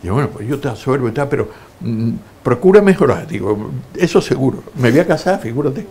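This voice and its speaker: Older man telling lively anecdotes. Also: mid-range voice, a little fast. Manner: lively anecdotes, acting out quoted voices. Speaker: interviewee. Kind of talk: storytelling interview.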